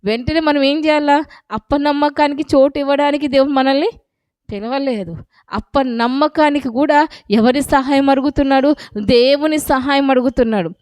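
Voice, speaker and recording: A woman's voice: high voice, normal speed, darkish tone, dry recording, studio quality. A woman preaching a sermon, asking questions and answering them herself.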